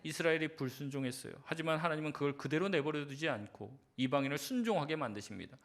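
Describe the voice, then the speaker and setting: A man's voice: fairly high pitch, animated, fast. A male pastor giving a sermon in a conversational way, asking rhetorical questions and acting out quoted voices.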